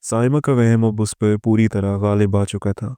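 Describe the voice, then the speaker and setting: A man narrating a scripted moral story in a steady, even delivery. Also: lowish voice, smooth, no room sound.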